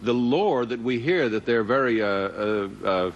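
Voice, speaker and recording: A man's voice: mid-range voice, animated, a little slow, highs cut off. A man playing as a game show contestant, bantering and hesitantly thinking aloud. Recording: noisy TV studio with loud audience. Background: studio audience crowd noise.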